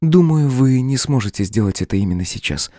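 A man voicing a calm, defiant demoness in an audiobook, speaking in a raised, unbothered tone with a smile. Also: mid-range voice, a little fast, no room sound, studio quality, pitched above the performer's own voice, close to an everyday voice. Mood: cool mocking. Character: cool mocking demoness woman, calm and defiant.

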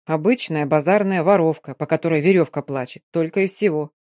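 A man's voice: fairly high pitch, a little fast, a little mellow, no room sound, clean studio sound, lightly acted. A woman voicing a gloomy, wounded cavalry captain who talks curtly through clenched teeth, in an audiobook. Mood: sullen.

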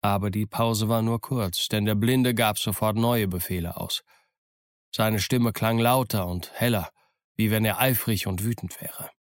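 A man narrating an audiobook in a steady, measured storytelling voice. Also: on the low side, no room sound, clean studio sound. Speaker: audiobook reader. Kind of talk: scripted first-person narration.

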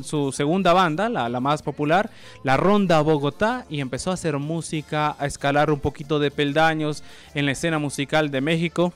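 A man's voice: on the high side, clear, resonant tone. A man presenting a music biography in a conversational narrating style.

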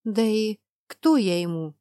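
A woman's voice: mid-range voice, animated, measured pace, mellow, no room sound, clean studio sound, lightly acted. A woman reading a storybook voicing a young werewolf woman who is pregnant, stubborn and tearful, with pleading and sulky outbursts. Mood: upset.

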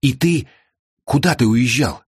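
Guy doing a nervous young woman in an audiobook, husky and kinda worried, lots of questions. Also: mid-range voice, measured pace, no room sound, clean studio sound, voice pushed up. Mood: anxious, questioning. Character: anxious thoughtful young woman, Beatrice.

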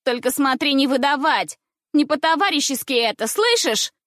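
Spiteful young schoolgirls crowd in with sing-song, jeering taunts, as a woman reads them. The voice is pitched high and loud and sounds close and dry. It belongs to a storybook reading. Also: lively intonation, normal speed, no room sound. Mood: threatening.

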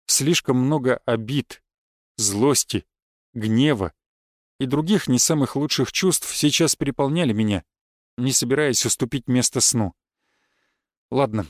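A man narrating a first-person audiobook in a calm, cold, matter-of-fact manner. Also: mid-range voice, dry recording, studio quality.

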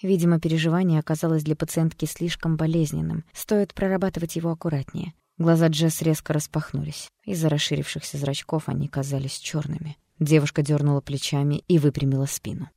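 An even, measured audiobook narrator reading a psychological thriller chapter. The voice is mid-pitched and recorded dry and close, with no room sound. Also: vocal fry, dry recording.

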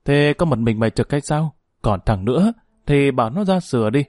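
A man's voice: medium pitch, expressive, brisk, a little mellow, no room sound, studio quality, natural voice. A man voicing a young airman mechanic in an audiobook, speaking in a pleading, urgent way. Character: young male airman mechanic, torn and desperate.

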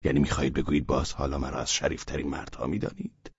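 A man doing a sullen, muttering gentleman. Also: gravelly, slightly rough, no room sound, full character voice. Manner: low, muttering and clipped. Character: irritable, weary gentleman, quiet and sullen. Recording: dull lo-fi recording.

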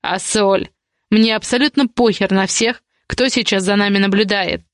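A woman's voice: steady tone, dry recording, studio quality, lightly acted. A woman reading the lines of an angry, possessive man, a domineering guardian, with curt commands. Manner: curt, commanding, low and slow.

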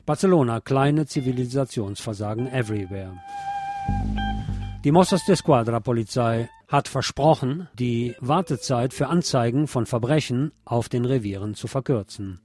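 A mid-pitched man reads radio news at normal speed, with music playing faintly underneath as a bed. His delivery is sardonic and opinionated, and he slips in his own commentary along the way.

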